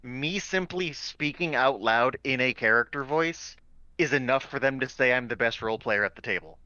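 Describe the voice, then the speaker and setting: A high school teacher who runs his own tabletop game talks casually about it, often repeating words as he explains. His voice is animated and sharp at a normal speed, with no echo.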